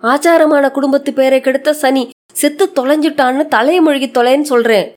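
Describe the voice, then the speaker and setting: A woman reading a short story aloud, voicing a rigid orthodox middle-aged man who shouts through gritted teeth. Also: high voice, steady tone, a little fast, pitched above the performer's own voice, lightly acted. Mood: furious.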